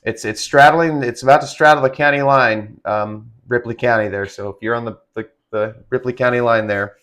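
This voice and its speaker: A man doing live severe weather commentary, halting and improvised, giving urgent and direct warnings to listeners. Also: mid-range voice, steady tone, a bit bright. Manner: halting, improvised phrasing with repeated restarts. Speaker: live-stream weather broadcaster.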